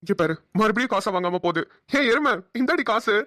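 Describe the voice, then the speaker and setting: Woman playing a protective cartoon husband, rapid banter, dry close sound. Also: mid-range voice, lively intonation, a bit bright, no echo, natural voice. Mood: teasing. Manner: teasing, affectionate ribbing. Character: protective young husband, a joking policeman. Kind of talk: cartoon voice acting.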